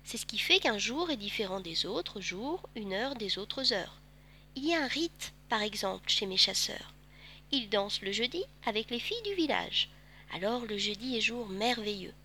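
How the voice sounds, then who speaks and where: A woman voicing a gentle, wistful male fox who speaks patiently and tenderly in a storybook reading. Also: medium pitch, expressive, moderate pace, slight background noise.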